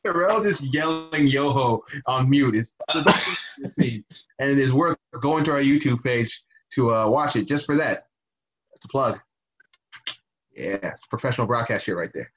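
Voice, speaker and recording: Man, podcast co-host, casual profane rambling, mid pitch, slightly dull sound. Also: moderate pace, husky. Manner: rambling, profane, with frequent fillers and restarts. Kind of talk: casual political chat.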